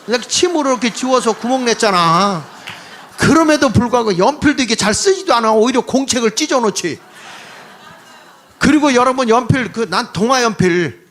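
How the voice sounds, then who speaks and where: A man in his sixties giving a history lecture to an audience, animated and mocking, with quips and laughing asides. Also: extremely high pitch, moderate pace.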